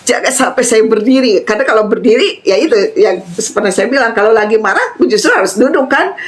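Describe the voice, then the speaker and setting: A woman religious teacher giving a weekly study lesson, telling personal stories in a chatty, animated way and laughing often. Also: a little high, a little fast.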